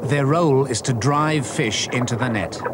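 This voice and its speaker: A man reading scripted nature documentary narration in a measured, serious way, in short deliberate phrases. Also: mid-range voice. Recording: voice-over with loud animal and outdoor noise.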